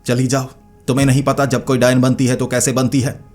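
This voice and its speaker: A man's voice: medium pitch, level tone, fairly quick, darkish tone, soft background music, natural voice. A man voicing a stern, proud old female witch leader who scolds and commands.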